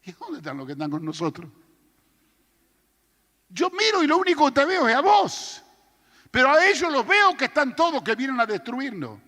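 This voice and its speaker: A man voicing a terrified young male servant who shouts in despair. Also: a little high, sing-song, fast, few pauses, husky, in a large hall. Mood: pleading.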